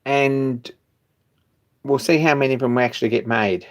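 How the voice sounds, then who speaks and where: A man's voice: mid-range voice, normal speed. Rambling man on a live stream. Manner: rambling, with chuckles and restarts. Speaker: host of a hobby machine shop live stream. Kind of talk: casual live stream chat.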